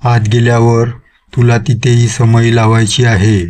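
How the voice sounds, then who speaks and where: A man's voice: mid-range voice, monotone, measured pace, a little mellow, lightly acted. A man voicing a stern, commanding old male guru who casts out a witch-ghost in a storybook horror tale. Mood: instructing. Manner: commanding, lecturing.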